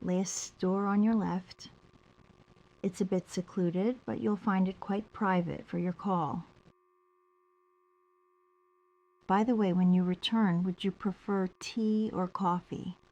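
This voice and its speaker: A woman playing a polite, formal, softly insistent host of a secluded house in a scripted drama. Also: medium pitch, fairly even intonation, a little slow, dull audio, natural voice. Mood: polite, measured.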